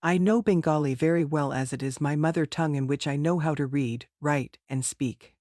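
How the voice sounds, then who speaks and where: A test candidate with a higher-than-average, slightly mellow voice answers mock speaking-test questions in a formal, rehearsed, measured way. The recording is studio quality with no room sound.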